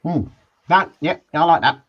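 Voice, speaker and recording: A man's voice: on the high side, normal speed, husky. A man co-hosting a casual chat, easygoing and agreeable with short reactions, heard through slightly dull audio. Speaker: co-host of a hobby live show.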